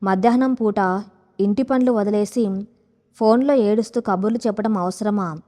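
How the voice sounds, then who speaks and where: A woman voicing a stern, controlling young husband who gives orders in a calm, quiet tone. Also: medium pitch, normal speed, big-room sound, natural voice. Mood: irritated. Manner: quiet commanding tone, never raised.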